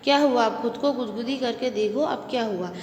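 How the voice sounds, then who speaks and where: Casting: woman school teacher, high voice, repetitive checking-in style, long echoey room. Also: normal speed, a little mellow, a little hiss or hum. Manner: repetitive, checks with "okay?", mixes in English words. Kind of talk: recorded Hindi class lesson.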